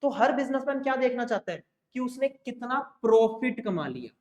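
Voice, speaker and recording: A man's voice: very high voice, lively intonation, a little fast, darkish tone. A man teaching an accounting class, talking students through the basics and often checking that they follow. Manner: coaxing, keeps checking in with students. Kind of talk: classroom lecture. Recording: roomy echo.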